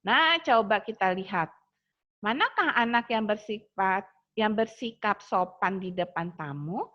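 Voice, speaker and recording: A woman's voice: medium pitch, lively intonation, a little slow. A woman teaching a lesson on manners to young children in a sing-song teacher voice, asking them questions. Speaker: kindergarten teacher. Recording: dull lo-fi home recording.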